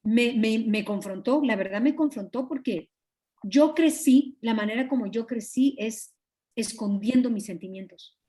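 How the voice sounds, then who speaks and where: A woman, a pastor's wife, teaching a Bible study over a video call with a Guatemalan Spanish accent, earnest and confiding, often clearing her throat. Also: fairly high pitch, unhurried, warm tone. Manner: earnest, confiding, acts out quoted dialogue.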